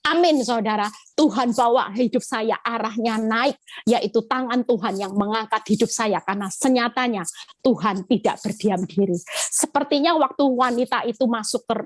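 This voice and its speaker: A middle-aged woman, preaching a sermon and telling her own testimony over a video call, with sudden jumps in pitch and direct appeals to her listeners. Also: moderate pace, dry recording, studio quality. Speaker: evangelist preacher.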